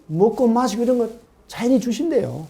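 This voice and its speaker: Male pastor, middle-aged, sermon, questions to the congregation, very lively pitch, dark mellow tone. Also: fairly quick, gravelly. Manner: animated, asks the congregation questions and acts out quoted voices. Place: church sanctuary.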